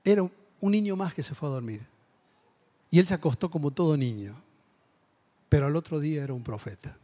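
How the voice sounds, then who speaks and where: A man's voice: on the high side, lively intonation, a little fast, mellow. A man with a Rioplatense Spanish accent preaching a sermon, telling a story with acted-out voices and building to emphatic exhortation.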